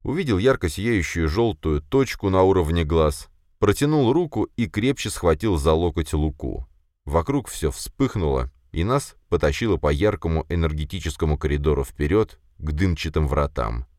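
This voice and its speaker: Deep-voiced male audiobook narrator. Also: moderate pace, dry recording, clean studio sound. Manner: expressive, animated reading. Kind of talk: first-person fantasy audiobook narration.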